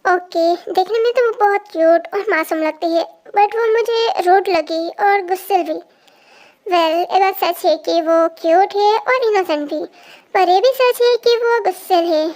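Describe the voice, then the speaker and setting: A storyteller reading a fan story aloud and voicing every character's lines in a lively way, switching quickly from one to the next. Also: very high voice.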